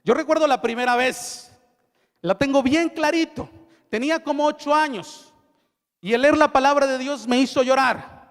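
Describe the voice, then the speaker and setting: A man's voice: very high-pitched, normal speed. A middle-aged male pastor preaching a sermon. He reads scripture aloud and asks the audience questions. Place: large hall at a youth event. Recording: long hall reverb.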